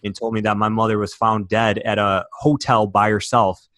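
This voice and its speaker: A man's voice: on the low side, level tone, normal speed, fairly bright tone, dry recording, clean studio sound. A young man from Michigan, a podcast guest, telling his personal story earnestly and emotionally, with many fillers and restarts. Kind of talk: candid interview storytelling.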